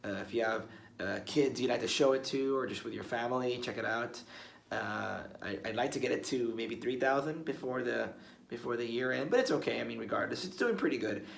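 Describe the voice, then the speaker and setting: A man's voice: mid-range voice, brisk, gravelly, a little hiss or hum. Young guy vlogging, kinda rambly, stumbles over words, echoey room. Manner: rambling, restarts words often. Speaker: musician vlogger. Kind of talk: casual one-take video blog. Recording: roomy with faint ambience.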